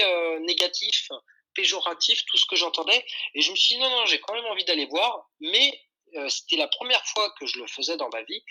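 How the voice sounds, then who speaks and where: A Frenchman in his 40s, a tour guide and photographer appearing as a podcast guest, answers interview questions informally, with enthusiasm and lots of explanation. His voice is a little high and sharp-toned, and the recording is rough.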